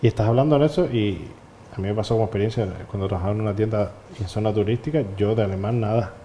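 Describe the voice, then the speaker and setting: A man's voice: fairly low pitch, fast talker, warm tone, a little hiss or hum. A man, interviewing a guest with long, rambling questions.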